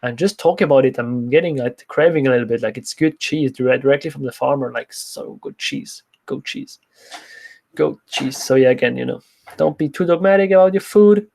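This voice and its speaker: The nutrition coach talks at a moderate pace in a medium-pitched voice that's creaky and darkish in tone. He's a young adult, not a native English speaker, with French as a second language, casually fielding viewer questions on an informal livestream Q&A.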